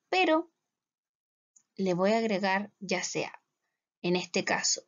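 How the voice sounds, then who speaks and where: A woman teacher with a Chilean Spanish accent patiently explaining English grammar to her students, checking in with them again and again and saying English words slowly. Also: medium pitch. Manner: patient, repeats "¿cierto?" to check understanding. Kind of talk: classroom lesson explaining grammar. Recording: dull lo-fi sound.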